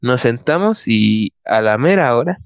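A man's voice: mid-range voice, lively intonation, measured pace, clean tone, dry recording. A young man with a Mexican accent telling a story in casual chat, full of slang and fillers. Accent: Mexican Spanish. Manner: slangy, loose, filler-heavy.

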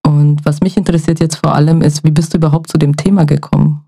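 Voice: mid-range voice, fairly even intonation, fast, gravelly, dark tone, slightly rough. Ruhiger Podcast-Moderator, monoton. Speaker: podcast host. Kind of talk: casual interview questions.

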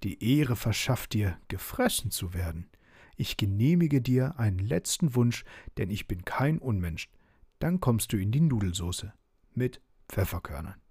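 A man's voice: on the low side, sing-song, a little slow, darkish tone, dry recording, clean studio sound, heavily acted. A man growling as a boastful wild dog. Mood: gloating. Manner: gruff, gloating and menacing. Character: big boastful hungry male wild dog.

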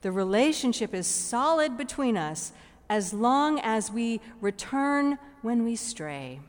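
A woman priest giving a sermon in an unhurried way, often repeating a word as she restarts. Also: on the high side, sing-song. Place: church. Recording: church with long reverb.

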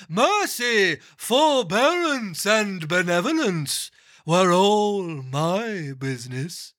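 A mournful chained ghost, wailing its lines out slowly in a high, strained voice, as a man puts him on. The solemn phantom drags every word, dry and close to the mic. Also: a bit bright, dry recording, exaggerated voice. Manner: drawn-out wailing delivery, voice rising high. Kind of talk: dramatic reading of a classic novel.

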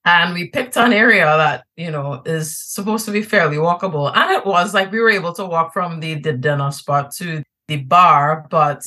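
Low-pitched and sharp in tone, a woman from Trinidad and Tobago chats casually as a podcast guest. She's easygoing and talkative, full of fillers and restarted sentences.

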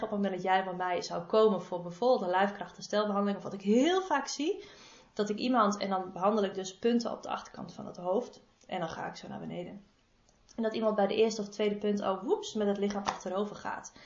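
A woman's voice: mid-range voice, darkish tone. Woman therapist in an echoey room. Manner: informal, repeats key advice; affectionate toward listener. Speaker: body-energy therapist. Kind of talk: casual advice monologue. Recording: roomy, slightly dull sound.

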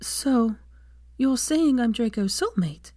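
A woman's voice: a little high, animated, slow, dark tone, no echo, studio quality, pitched above the performer's own voice. A woman voicing a bewildered young witch asking confused questions.

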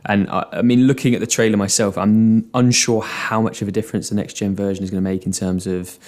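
A young British man in casual chat, earnest and opinionated, explaining his views at a steady pace. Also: lowish voice, fairly quick.

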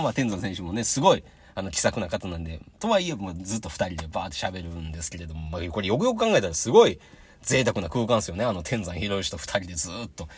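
A young man with a Kansai Japanese accent hosts a casual solo podcast, chatting about his day and acting out the voices in his anecdotes. His voice is fairly low with a breathy edge.

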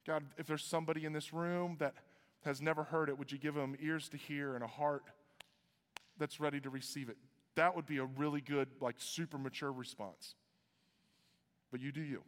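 A man from Iowa preaching a sermon as pastor, conversational with joking asides. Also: moderate pace. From Iowa, USA. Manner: conversational, joking asides, lively swings in pitch. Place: church auditorium. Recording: reverberant church hall.

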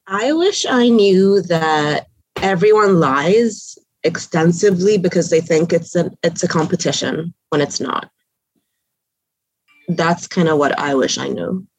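A woman from Egypt speaking as a podcast guest, telling her story in a measured, matter-of-fact way. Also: lowish voice, slightly rough, dry recording, rough recording. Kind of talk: casual chat.

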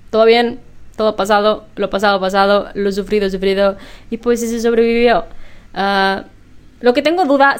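A young woman chatting casually at home, laughing often and clearing her slightly hoarse throat. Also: mid-range voice. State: slightly hoarse after illness. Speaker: vlogger. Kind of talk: casual chat to camera. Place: home room. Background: washing machine.

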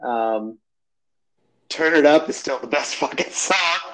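A man's voice: fairly high pitch, slow pace, a bit bright. A man co-hosting a podcast in casual chat, joking around and laughing often. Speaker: podcast co-host.

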